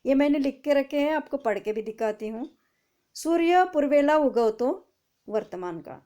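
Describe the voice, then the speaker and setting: A woman teaching an online class, reading sentences aloud slowly and explaining them, often asking and then answering her own questions. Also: a little high, lively intonation, mellow.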